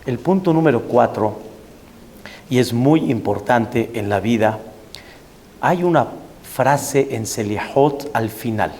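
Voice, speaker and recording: A man's voice: mid-range voice, lively intonation, slow pace, long pauses, darkish tone, big-room sound, slight background noise. A man, a rabbi preaching a sermon animatedly, full of rhetorical questions.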